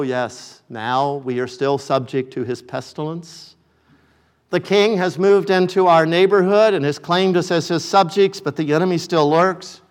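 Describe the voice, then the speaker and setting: A man preaching a sermon as pastor, with slow, deliberate and emphatic phrasing that drops low and quiet at the close of each point.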